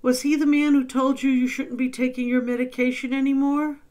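A woman's voice: high voice, little pitch movement, fairly quick, a little mellow, slight background noise. A middle-aged woman hosting a spirit box session in a casual, direct, questioning way. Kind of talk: casual vlog intro and slow questioning of a spirit.

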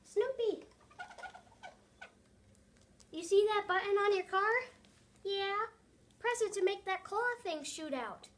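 Very high young voice in toy role-play. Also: slow pace, pauses often. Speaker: home video creator voicing toy dogs.

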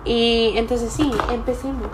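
A young adult woman with a voice on the high side speaks flatly and without hurry. She's a vlogger chatting casually and somewhat unsurely to the camera as she cooks at a table in a small room, with background noise present.

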